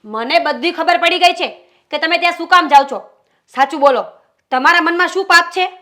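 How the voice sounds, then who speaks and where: A woman plays a jealous wife pressing her husband with accusations and biting sarcasm. Her voice is high and bright. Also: a little fast. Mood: accusing. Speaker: suspicious wife. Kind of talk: Gujarati short-film family drama acting.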